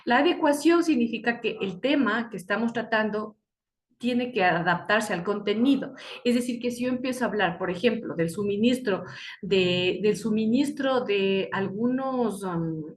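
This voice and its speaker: A woman teaching an online class on a video call. She explains things slowly, pauses often to search for words, and keeps checking in with her students. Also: medium pitch, animated. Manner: hesitant, searches for words with many fillers. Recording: echoey room sound.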